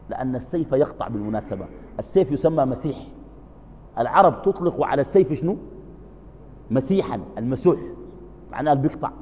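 A man preaching in Sudanese Arabic, asking his listeners questions and answering them himself, calm one moment and suddenly loud and emphatic the next. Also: fairly high pitch, long reverb tail, lo-fi sound. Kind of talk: religious lesson.

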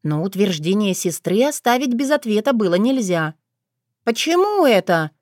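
Female audiobook narrator, lively intonation, dry close recording. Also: mid-range voice, moderate pace, dry recording. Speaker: audiobook reader. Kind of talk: scripted narration.

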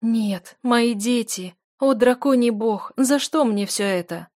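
A woman's voice: mid-range voice, level tone, normal speed, dry recording, studio quality, close to an everyday voice. A woman reading an audiobook and voicing a young wife in grief and anger, raised and anguished. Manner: anguished, shouting. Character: young married woman, grieving and furious.

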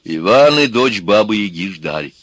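Male audiobook reader, lively slow delivery, husky, dry studio sound. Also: on the low side, dry recording. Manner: expressive, unhurried storytelling. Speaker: audiobook narrator. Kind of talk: audiobook reading.

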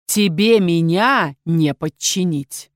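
A woman's voice: fairly low pitch, no echo, clean studio sound. Defiant dragon duke, voiced by a woman. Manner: slow, defiant, deliberate. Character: proud defiant male dragon duke, a father.

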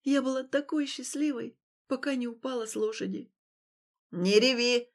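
Brief: female narrator, slightly high voice, steady first-person fiction reading. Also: fairly quick. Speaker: audiobook narrator.

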